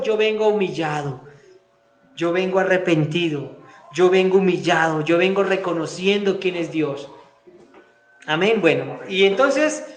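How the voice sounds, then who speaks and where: A man with a high voice preaches at a slow, deliberate pace. He swings between emphatic bursts and quiet, fervent prayer. His voice rings out in an echoey church room. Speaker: pastor. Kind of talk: sermon and spoken prayer.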